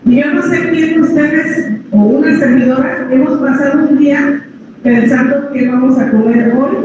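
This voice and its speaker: Woman preacher, big voice, high pitch, distant and roomy. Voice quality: big, strong voice. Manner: addresses listeners as brothers, drops pitch on each "hermanos". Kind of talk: sermon. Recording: echoey hall, from far off, dull sound, noisy.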